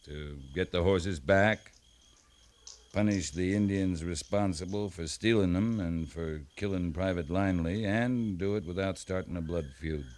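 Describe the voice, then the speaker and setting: An actor playing a seasoned, terse cavalry captain in an old-time radio western, laconic and authoritative. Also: male voice, deep voice, measured pace, a little mellow. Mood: low, matter-of-fact. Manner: laconic, authoritative, matter-of-fact.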